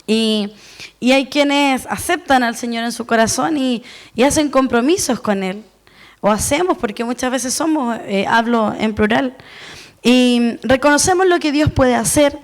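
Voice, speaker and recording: A woman's voice: high-pitched, unhurried. A woman giving a sermon in an earnest, personal way, counting herself among her listeners. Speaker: preacher.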